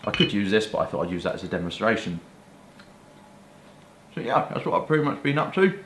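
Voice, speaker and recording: Very animated and a little fast, a British man with a lowish, fairly bright voice chats to camera about his pipes and tobacco. He's a pipe-smoking hobby vlogger who rambles colloquially and swears mildly. There's a roomy echo with faint background noise.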